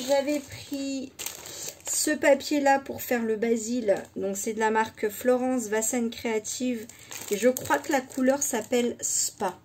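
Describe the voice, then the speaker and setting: A woman scrapbooking vlogger giving a casual show-and-tell of her craft project, unhurried and hesitant, thinking aloud as she shows each item. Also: a little high, a little mellow, a little hiss or hum.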